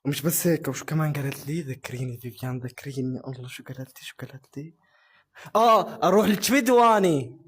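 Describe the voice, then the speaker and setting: A woman's voice: sits low, fast, husky. A woman with a Levantine Arabic accent, chatting casually and playfully.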